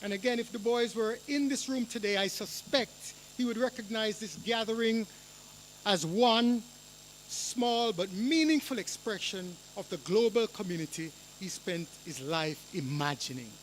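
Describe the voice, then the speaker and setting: Male professor for a forum speech, light high voice, measured rhetorical delivery, dry asides, faint hiss behind. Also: low-quality recording. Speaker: university professor giving a speech. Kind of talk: formal prepared speech. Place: lecture hall or forum room.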